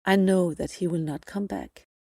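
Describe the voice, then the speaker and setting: A woman hosting a podcast, her voice low and gravelly with a mellow, dark tone. She retells a personal spiritual experience earnestly, in the present tense, circling back to repeat her phrases. The sound is close and dry, with no room echo. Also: big pitch swings, normal speed. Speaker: podcast host.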